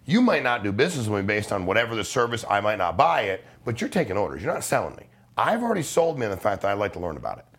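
A middle-aged life insurance salesman guesting on a podcast talks very fast, his fairly low, fairly bright voice swinging widely in pitch. He's casual and persuasive, with a blunt, emphatic style full of slang and profanity.

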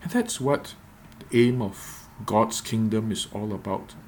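Low-pitched man, reflective devotional. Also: lively intonation, slight background noise. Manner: measured and reflective, repeats phrases for emphasis. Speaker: preacher giving a podcast devotional.

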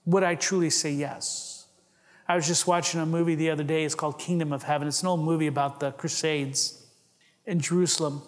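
A man's voice: a little high, steady tone, a little fast, big-room sound. A pastor delivering a sermon to his congregation, earnest and emphatic, often restarting his phrases. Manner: earnest preaching with rising emphasis and frequent restarts.

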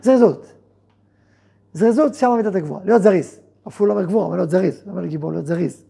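Very gravelly, husky rabbi teaching. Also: male voice, high-pitched. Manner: lively, acts out both sides of a dialogue with rhetorical questions. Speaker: rabbi and yeshiva head. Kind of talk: Torah lesson to students.

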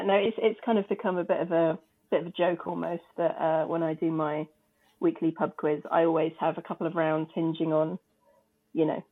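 A woman co-hosting a casual podcast chat, chatty and quick to laugh. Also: deep voice, creaky. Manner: chatty, laughs easily, many fillers. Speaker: podcast co-host. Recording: tinny phone-like line.

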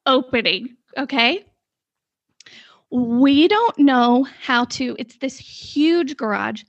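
A high-pitched woman with a gravelly, fry-heavy voice rambles through a story on a casual chat show and wanders off on tangents. The sound is dull and slightly lo-fi, with a dry, close feel. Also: dry recording. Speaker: podcast co-host.

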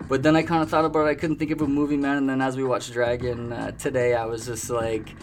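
A man's voice: mid-range voice, level tone, fast, a little hiss or hum. A man hosting a music show in a laid-back, chatty way, laughing often as he talks about records. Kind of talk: casual chat. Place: treehouse restaurant and bar. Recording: music clearly behind the voice.

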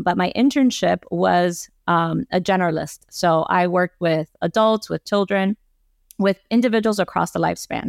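A woman's voice: fairly low pitch, gravelly, no echo, studio quality. A woman in her thirties from Miami, a guest psychologist on a podcast, explaining things in a thoughtful way with a lot of "like". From Miami, United States. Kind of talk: podcast interview.

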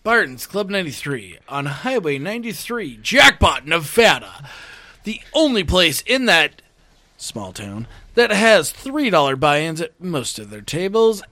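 A man in casual, crude group banter as a podcast co-host, excitable and often repeating himself. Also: sits high, no room sound. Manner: excitable, repeats himself, acts out sound effects.

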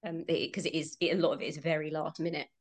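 A woman's voice: deep voice, level tone, quick pace. A British woman in her thirties, a voice actress answering interview questions in a chatty way with frequent ums. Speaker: voice actress guest.

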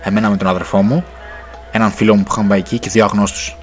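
A young man telling a slangy story in a relaxed chat, laughing now and then, on a radio podcast. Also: on the low side. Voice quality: laid-back slangy, laughs often. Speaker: podcast guest. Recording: music playing underneath.

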